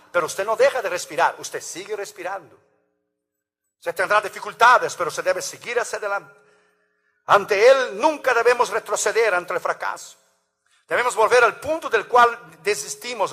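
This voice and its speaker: A man preaching a sermon, swinging between loud emphatic calls and quiet asides. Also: high voice, husky. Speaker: pastor.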